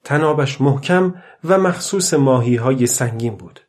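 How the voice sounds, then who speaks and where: A man reads a novel aloud in a calm, measured way, his voice at an ordinary middle pitch. The delivery is even and steady, suited to a long audiobook. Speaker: audiobook narrator. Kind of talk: scripted narration.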